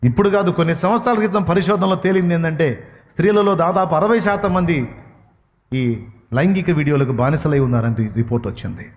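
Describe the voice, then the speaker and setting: A man's voice: fairly high pitch, brisk. A man preaching a sermon, impassioned and questioning his listeners, at times rising to pleading cries. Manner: asks the audience questions. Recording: long hall reverb.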